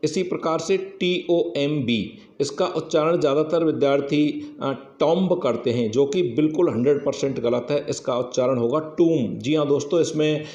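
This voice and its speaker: Man, English teacher, mellow voice, step-by-step explanations, echoey room. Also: fairly high pitch, normal speed, hardly any pauses, muffled recording. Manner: explains step by step, keeps saying "yes, friends". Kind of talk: exam-prep lesson.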